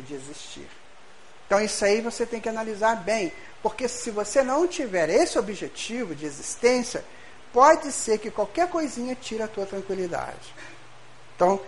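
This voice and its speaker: A man's voice: high voice, slight background noise. A middle-aged man with a Brazilian Portuguese accent, leading a study group with a spiritual lecture, speaking folksily and acting out little dialogues as he addresses the group.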